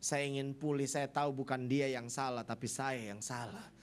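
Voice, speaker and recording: A repentant husband , as a preacher acts him out, weeps and begs for help. His voice is low and slow, heavy with tears. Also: steady tone, close to an everyday voice. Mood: pleading, tearful. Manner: slow, pleading. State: crying. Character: broken, weeping husband pleading for rescue.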